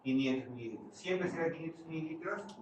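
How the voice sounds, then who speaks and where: Male lecturer, higher voice, distant mic in a hall with steady noise; quizzes students as he teaches. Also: fairly quick. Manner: quizzes the class and answers his own questions. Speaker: physiology lecturer. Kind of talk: classroom lecture with questions to students. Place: lecture classroom. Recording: far-off mic in an echoey room, noisy.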